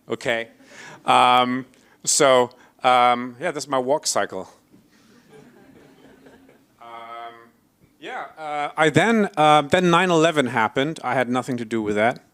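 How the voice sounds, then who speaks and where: A keynote speaker, a Belgian man in his forties, addresses a conference audience from the stage with a mid-range, clear, resonant voice that's a bit bright. His talk stumbles along with many fillers and restarts, peppered with jokes at his own expense.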